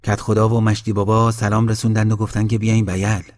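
A man's voice: fairly low pitch, monotone, a little mellow, lightly acted. A man voicing a plain village man who brings news, in a matter-of-fact way.

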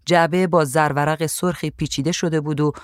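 A woman reading a story aloud in a calm, even voice. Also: deep voice, no echo, studio quality. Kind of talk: storybook narration.

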